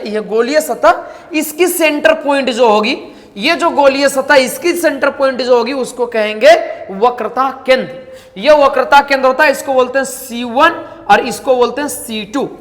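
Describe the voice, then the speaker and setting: A man's voice: very high voice, fairly bright tone, big-room sound. A man teaching a lesson, who asks rhetorical questions, answers them himself and repeats phrases. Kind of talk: classroom-style lecture.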